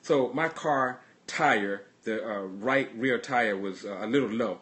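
A man's voice: lowish voice, fairly bright tone. A man pastor giving a livestreamed sermon, earnestly telling personal stories and often restarting his sentences. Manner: halting, restarts and repeats words; earnest storytelling.

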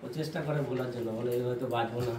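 Male, patient's husband, rapid speech, roomy off-mic sound. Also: mid-range voice, fairly even intonation, noisy background. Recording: echoey, off-mic in a room.

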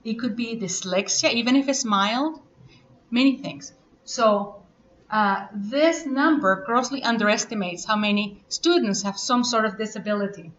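A woman giving a live workshop presentation, chatty and quick to ask the audience questions. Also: fairly high pitch, a bit bright, slight background noise. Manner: chatty, asks audience questions, laughs often. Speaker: conference presenter. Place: conference room. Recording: echoey, muffled room recording.

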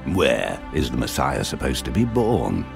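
A man acting a scheming, menacing king in a Bible audio drama, gravelly, sly and commanding. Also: a bass voice, huge pitch swings, a little slow, exaggerated voice. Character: scheming, menacing King Herod, a cunning ruler. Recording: music behind the voice.

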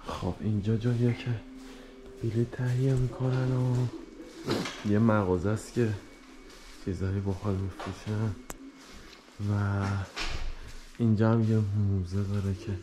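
Low-voiced man giving a casual tour. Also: level tone, long pauses. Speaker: travel vlogger. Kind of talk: casual vlog tour commentary. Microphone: handheld camera. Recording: dull sound with ambient noise.

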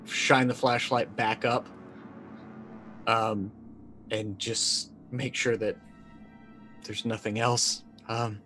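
Over a video call from an indoor room, with music in the background, a middle-aged man casually describes his character's actions in a tabletop roleplaying game, sounding hesitant and thoughtful. His fairly low voice is flat, slow, pushed and bright, and he pauses often.

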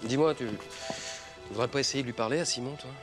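A man acts an easygoing middle-aged plainclothes cop in a television film. He talks colloquially and coaxingly at a medium pitch, with music in the background. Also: fast, lightly acted. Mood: placating. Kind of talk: French TV film drama acting.

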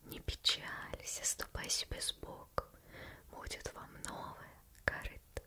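A woman voicing a calm, kindly magical golden fish from a storybook, in a soothing whispered role-play. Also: measured pace. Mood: calm, reassuring.

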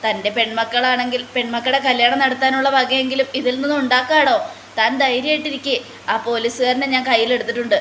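A smug, scheming boss who talks down to his worker and waves away danger, with a woman putting him on. The pitch runs somewhat high, in an echoey room. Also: steady tone, quick pace, a bit bright, slight background noise. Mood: scheming assurance. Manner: dismissive, reassuring with contempt. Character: scheming male manager, calm and bossy.

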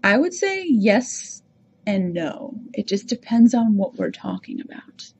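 With a mid-range, creaky, sing-song voice, a woman from Rhode Island hosts a podcast and speaks unhurriedly in a casual, self-reflective monologue about herself. She has no regional accent, and a little hiss or hum can be heard.

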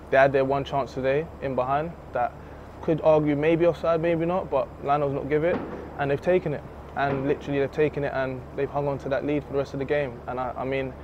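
A young man, a footballer giving a relaxed, candid post-match interview into a handheld mic in an empty stadium. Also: medium pitch, brisk, hardly any pauses. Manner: relaxed, candid, laughs easily. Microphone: handheld reporter mic. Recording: slightly dull outdoor audio with faint noise.

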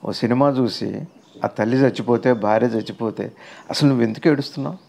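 Gravelly-voiced man teaching spirituality. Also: medium pitch, fast, a little mellow. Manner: explanatory, asks rhetorical questions, builds long lists. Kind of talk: conversational spiritual discourse.

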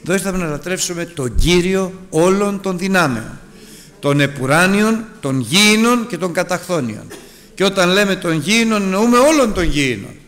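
A man preaching a sermon to his congregation, calling them brothers and moving between loud urgent appeals and hushed asides. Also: expressive. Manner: dramatic, rises and drops sharply in pitch and loudness; addresses listeners as brothers.

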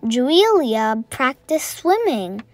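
A young girl with a high, sing-song voice reads a picture book aloud slowly for her viewers. She reads the text loudly, then comments softly about the pictures.

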